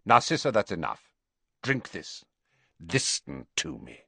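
A man voicing a cold, guarded professor who speaks flatly and slowly in an audiobook reading. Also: low voice, gravelly, husky, dry recording, exaggerated voice. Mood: curt. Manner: flat, slow, measured, icy.

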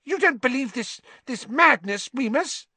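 A man voicing a cowering middle-aged male wizard with a shrill, squealing voice and a panicky, pleading manner. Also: animated, measured pace, pushed and bright, husky, dry recording, exaggerated voice. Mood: panicked.

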